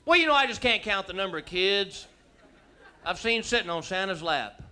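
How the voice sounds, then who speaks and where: A Texan man in his thirties performs stand-up comedy on a theater stage before a live audience, speaking into a handheld microphone. His high-pitched, sharp, animated voice moves at normal speed as he drawls through stories and slips into silly character voices. Audience laughter and a little hiss or hum are audible.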